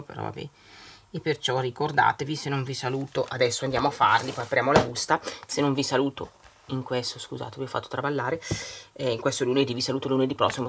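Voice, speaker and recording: A woman's voice: a bass voice, gravelly, fairly bright tone. A woman vlogging casually at her desk, chatting to viewers as she decorates her planner and opens a surprise bag. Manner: chatty, talks to viewers while working with hands. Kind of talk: casual planner vlog with unboxing. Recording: home recording with background noise and clicks.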